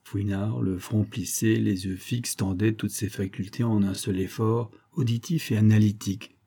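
A man narrating a classic novel in a measured, steady reading voice. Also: lowish voice, husky. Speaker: audiobook reader. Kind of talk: scripted narration.

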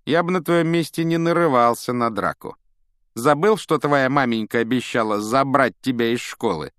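A man voicing an arrogant schoolboy bully who taunts and mocks loudly, in an audiobook. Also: medium pitch, moderate pace, smooth, dry recording, studio quality, pitched above the performer's own voice, lightly acted. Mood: sneering. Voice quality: sneering, taunting. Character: sneering arrogant schoolboy bully, loud and mocking. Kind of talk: audiobook character voice.

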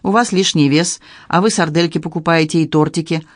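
A man with a fairly high, natural voice reads an audiobook at a fairly quick pace. He voices a blunt, sarcastic young woman whose manner is mocking, cutting, and coldly matter-of-fact.

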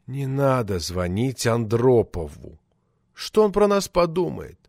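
A man playing an older party boss who speaks slowly and pompously with a breathy aspirated delivery, in an audiobook reading. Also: mid-range voice, sing-song, darkish tone, dry recording, clean studio sound, full character voice. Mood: pompous reproach.

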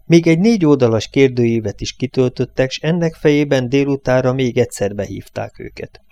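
A man reading a novel aloud as an audiobook narrator, with steady, measured storytelling. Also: mid-range voice. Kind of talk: scripted literary narration.

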